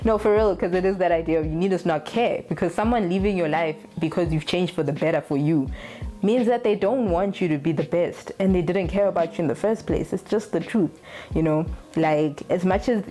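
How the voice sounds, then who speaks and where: A woman's voice: on the low side, a little fast, mellow. A young adult woman talking casually to camera in a candid, blunt way, swearing freely. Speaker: vlogger.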